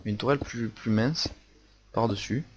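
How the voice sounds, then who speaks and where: Speaking at a moderate pace in a fairly low voice, a young Minecraft tutorial host with a Marseille accent talks through a build in a casual, halting way full of fillers and restarts. Faint noise and clicks can be heard.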